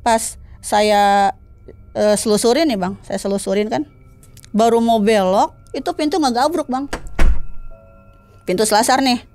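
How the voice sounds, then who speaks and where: A woman's voice: a little slow, long pauses, faint music behind. A woman telling a spooky story from her own life in casual slangy talk, acting out both sides of the dialogue. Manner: slangy, lively, acts out dialogue, climbs high when tense. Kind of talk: casual spoken ghost story.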